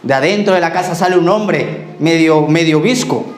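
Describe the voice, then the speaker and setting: A male pastor preaching a sermon and telling personal stories, acting out the dialogue and sometimes trailing off quietly. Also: fairly high pitch, moderate pace, roomy sound, a little hiss or hum. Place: church.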